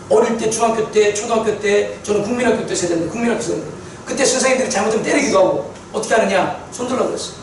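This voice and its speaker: A man preaching a sermon testimony, telling his story with animated repetition for emphasis. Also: sits high, slight background noise. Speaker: pastor. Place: church sanctuary. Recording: echoey church hall from far off.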